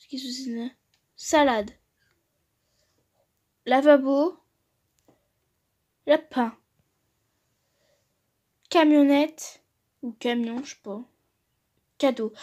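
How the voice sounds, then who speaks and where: Soft-voiced young woman chatting casually. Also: high-pitched, breathy edge. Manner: chatty, reads aloud and jokes, trails off into mumbles. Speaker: vlogger. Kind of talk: casual vlog commentary.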